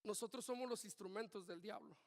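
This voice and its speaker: A man preaching a sermon as pastor, swinging between loud urgent calls and quiet asides. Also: high voice, fairly quick. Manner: animated preaching, shifts from shouting to quiet asides. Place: church hall. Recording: long hall reverb.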